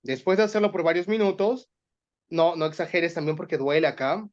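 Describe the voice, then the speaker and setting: A man's voice: on the high side, steady tone, a little fast, dull audio. A man leading a voice workshop for teachers, explaining and demonstrating exercises aloud.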